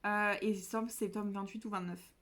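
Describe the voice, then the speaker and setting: A woman's voice: mid-range voice, fairly even intonation, fast talker, a bit bright. A young woman chatting casually as a book vlogger, self-mocking and rambling, with many fillers and restarts. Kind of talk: casual chat.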